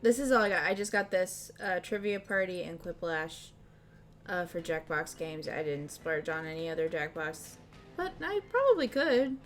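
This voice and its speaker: A woman's voice: sits low, fairly even intonation, normal speed. Easygoing woman streamer over music. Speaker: streamer and host. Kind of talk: casual livestream chat while playing party games. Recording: music playing behind the voice.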